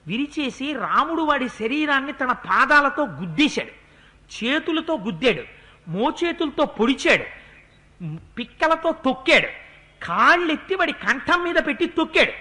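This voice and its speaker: Bright-voiced man telling scripture vividly. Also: very high voice, very animated, measured pace. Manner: vivid, dramatic retelling with repetition. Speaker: religious discourse speaker. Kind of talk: Ramayana storytelling discourse.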